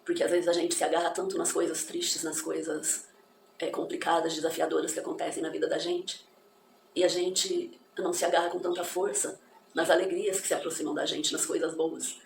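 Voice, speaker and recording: Casting note: woman teacher, lowish gravelly voice, encouraging and reflective, roomy echo. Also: little pitch movement, brisk. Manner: encouraging, reflective, spells out pronunciations. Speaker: English teacher. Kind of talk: motivational English lesson. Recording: echoey room with faint background noise.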